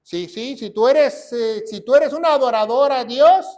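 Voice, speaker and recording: A man's voice: extremely high pitch, unhurried, a little mellow. A male pastor preaching a fiery sermon, asking rhetorical questions and repeating phrases for emphasis.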